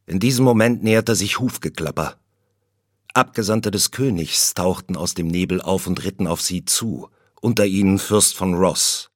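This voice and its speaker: A man narrating a storybook calmly and slowly. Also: sits low, dry recording, clean studio sound.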